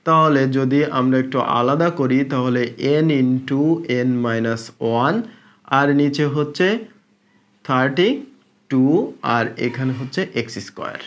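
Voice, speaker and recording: A man's voice: mid-range voice, measured pace, fairly bright tone. A man with a Bangladeshi Bengali accent teaching a step-by-step math lesson, drawing out terms and asking rhetorical questions as he works.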